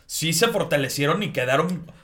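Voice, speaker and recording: Joking Mexican host, slightly high voice. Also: male voice, lively intonation, moderate pace, fairly bright tone. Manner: joking, slangy interviewer. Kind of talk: casual podcast interview.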